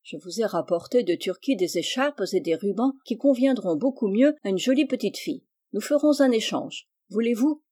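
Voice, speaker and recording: A reader voicing a kind but firm middle-aged male doctor who is an uncle, read in a measured, instructive way. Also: mid-range voice, expressive, dark tone, lightly acted.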